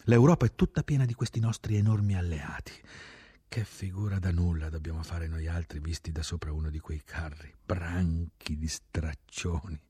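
A man reading a literary war memoir aloud, slow and reflective, dropping to a near whisper at times. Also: sits low, dark tone, slightly rough, no echo, clean studio sound. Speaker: narrator.

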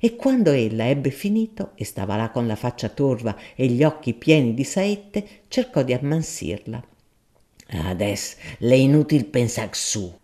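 Mellow man reading a story. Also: medium pitch. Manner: measured, expressive reading. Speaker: narrator. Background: soft guitar music.

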